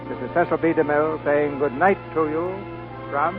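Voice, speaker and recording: A man hosting an old radio show, giving a measured, stately on-air sign-off. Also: a little high, fairly even intonation. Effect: old radio show broadcast sound. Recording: tinny 1940s radio broadcast, loud music and audience.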